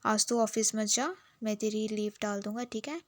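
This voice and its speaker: A woman voicing an earnest young man, pleading and excitable, in a recapped romance series. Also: medium pitch, normal speed, no echo, natural voice.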